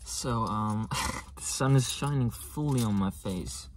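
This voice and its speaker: Male, twenties, non-native English speaker: slow, soft, casual ASMR car ramble over heavy clicking and handling noise. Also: fairly low pitch. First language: not English. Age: 20s. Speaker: ASMR video creator. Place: inside a parked car with engine off. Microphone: close to camera behind steering wheel. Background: loud clicking and tapping.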